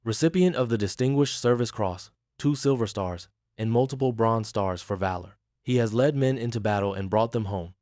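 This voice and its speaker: Guy reading as a grim old army general, cold and clipped, low voice, dry sound. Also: moderate pace, few pauses, a little mellow, dry recording, lightly acted. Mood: stern. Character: stern commanding older male general.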